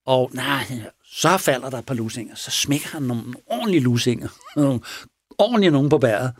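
A man casually retelling a true crime story, animated and chuckling as he goes, often checking in with his listener. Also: medium pitch, breathy edge. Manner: chuckling, animated, asks for agreement.

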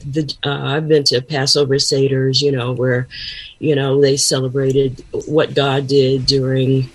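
A woman guest on a talk show, speaking conversationally and haltingly as she searches for words. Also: rumbling low, flat delivery, darkish tone, husky, low-quality recording. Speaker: guest, pastor and counselor. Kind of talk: conversational interview.

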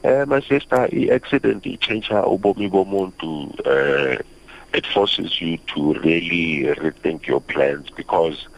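A young man with a South African accent giving a halting, reflective personal account as a radio interview guest. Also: low-pitched, vocal fry. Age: young adult. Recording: slightly muffled radio audio.

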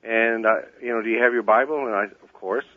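A man's voice: medium pitch, fairly even intonation, a little fast, no echo. A man calling in to a radio show over his cell phone, telling a rambling story full of "uh" and "you know" fillers. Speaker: radio caller. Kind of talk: casual call-in chat. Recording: tinny phone line.

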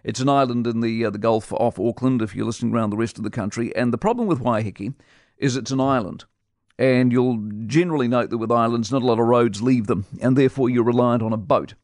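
A man delivers opinionated radio commentary in a blunt, scornful way. His voice sits at an ordinary middle pitch and sounds close and dry, with no room sound. He talks like a seasoned host laying down his view. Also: fast, darkish tone, no room sound. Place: radio studio.

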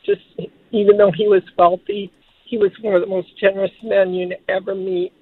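A woman's voice: mid-range voice, flat delivery, moderate pace, no room sound. An older woman from Detroit calling in to a radio show over the phone, telling a family story in a chatty, fond way. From Detroit, Michigan. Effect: heard over a phone line. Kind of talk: call-in radio conversation. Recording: tinny phone line.

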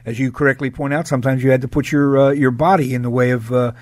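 A male radio host introducing a guest and asking questions, his speech full of pauses, "uh"s and restarts. He sits at a middle pitch for a man, and his voice sounds close and dry, with no room around it. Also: fairly even intonation, no echo. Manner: halting, many fillers and restarts. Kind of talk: radio interview.

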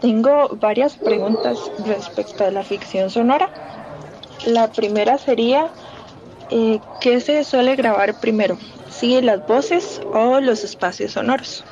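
A woman's voice: fairly high pitch, a little slow, lo-fi sound, noisy background. A woman from Rica, a listener politely and somewhat hesitantly putting questions to the host. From Costa Rica.

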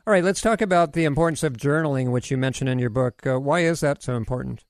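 A man's voice: mid-range voice, fast talker, no room sound, studio quality. A man hosting a radio talk show and interviewing, with punchy, tongue-in-cheek radio patter.

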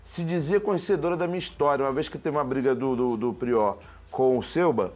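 A man in his forties telling stories in an interview, emphatic and animated, often restarting and acting out the dialogue he quotes. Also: mid-range voice, brisk, faint music behind. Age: 40s. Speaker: former reality show contestant.

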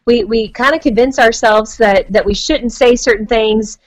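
A woman's voice: fairly high pitch, normal speed. An American woman guest giving conversational advice in an earnest, chatty manner. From United States. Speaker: guest marriage expert.

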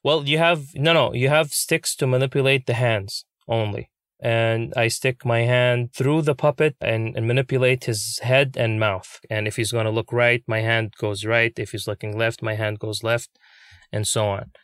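Earnest man with a smooth voice. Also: medium pitch, normal speed, dry recording, studio quality. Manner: earnest, excitable, many fillers. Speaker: puppeteer. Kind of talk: interview storytelling.

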